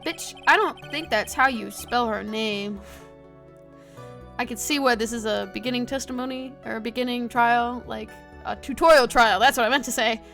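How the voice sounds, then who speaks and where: Woman game streamer, higher voice, casual sweary commentary, faint music behind. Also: moderate pace, gravelly, a bit bright. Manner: frequent swearing.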